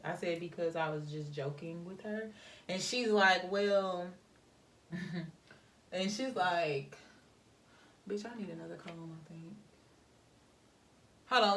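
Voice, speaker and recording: A young woman vlogger chatting animatedly to viewers while doing her hair, telling a story about work. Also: on the low side. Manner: animated, talks to viewers as y'all. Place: home, getting ready. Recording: voice somewhat far from mic.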